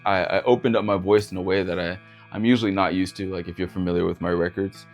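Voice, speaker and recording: A man talking casually while working on vocals in a home studio, relaxed and self-deprecating. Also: deep voice, quick pace, faint music behind. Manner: relaxed, self-deprecating, laughs at own attempts. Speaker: indie musician recording vocals. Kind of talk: casual vlog talk.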